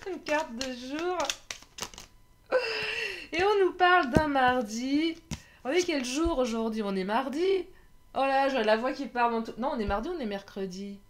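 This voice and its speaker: A woman's voice: sits high, slight background noise. A woman giving a casual tarot reading, chatty, laughing often and joking about herself. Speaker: tarot card reader.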